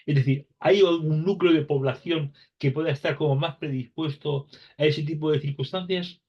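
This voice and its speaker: Hesitant male interviewer, husky and lo-fi. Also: on the high side, steady tone, moderate pace. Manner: hesitant, searching for words, many restarts. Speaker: interviewer, host. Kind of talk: interview questions. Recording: dull, lo-fi sound.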